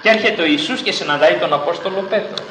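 A man's voice: sits high, pushed and bright, roomy sound, slight background noise, rough recording. A man preaching a sermon, reading scripture aloud and putting rhetorical questions directly to his congregation.

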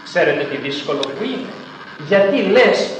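A man's voice: a little high, sing-song, roomy sound, slight background noise, rough recording. A man preaching a sermon, reading scripture aloud and putting rhetorical questions directly to his congregation.

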